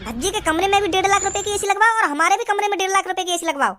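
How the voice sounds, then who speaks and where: A woman's voice: extremely high pitch, racing, pushed and bright. A woman voicing a bossy cartoon mother. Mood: scolding. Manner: scolding, pushy. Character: bossy cartoon mother siding with her son.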